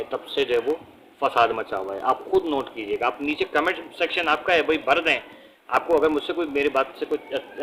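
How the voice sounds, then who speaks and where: A man with a Pakistani Urdu accent giving blunt, animated political commentary to the camera, often tagging sentences with quick checks on the listener. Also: medium pitch, slight background noise, low-quality recording. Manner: animated, blunt and ranting, with frequent tag questions. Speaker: political vlogger. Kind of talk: opinionated casual commentary to camera.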